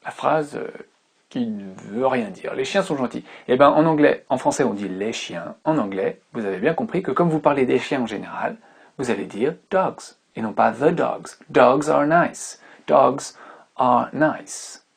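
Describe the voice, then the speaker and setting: A woman's voice: a bass voice, vocal fry, a little mellow, husky. A woman teaching English grammar in a tutorial who patiently repeats each example word several times.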